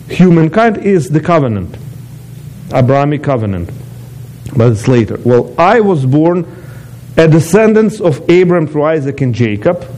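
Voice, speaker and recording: Mellow-voiced man from Ukraine giving a testimony. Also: fairly high pitch, low-quality recording. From eastern Ukraine. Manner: non-native phrasing, chatty with asides to the audience. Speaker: guest speaker giving a testimony. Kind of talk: personal testimony talk.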